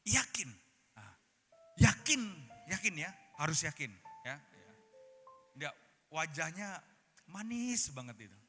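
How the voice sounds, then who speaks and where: A man's voice: sits high, bright, forceful tone. A male pastor giving an interactive sermon at a conference, playfully quizzing the congregation with questions. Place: large conference hall. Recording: reverberant hall with background music.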